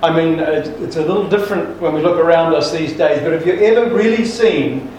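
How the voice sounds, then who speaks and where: Man preacher, folksy and emphatic, higher pitch, distant mic in an echoey church hall. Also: a little fast, a little mellow, a little hiss or hum. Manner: folksy joke-telling with restarts, emphatic. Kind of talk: sermon with jokes.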